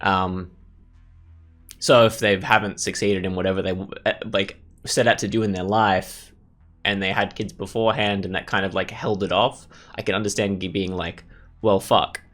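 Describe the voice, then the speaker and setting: A gaming host gives casual let's play commentary, thinking aloud in tentative fragments while music plays behind him. His low-pitched voice is a bit bright, with a level tone at normal speed.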